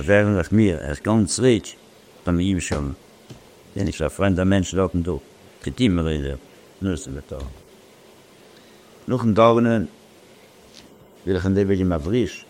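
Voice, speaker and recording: A man with a very low voice tells a rambling personal story. He talks haltingly, circling back and repeating himself as he searches for the next phrase. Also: darkish tone, slight background noise.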